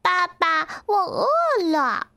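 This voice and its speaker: A woman voicing a tiny, sweet baby duckling boy who calls out in a high, childlike voice. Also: slow, sharp tone, no echo, clean studio sound, heavily acted. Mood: clingy, chirpy. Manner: high chirpy childlike calling.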